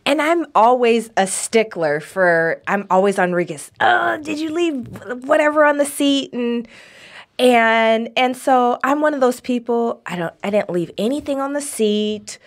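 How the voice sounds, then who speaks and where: A middle-aged woman co-hosting a podcast, telling a personal story in an animated way and laughing often. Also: fairly high pitch, a little slow. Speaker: podcast co-host. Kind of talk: casual storytelling chat.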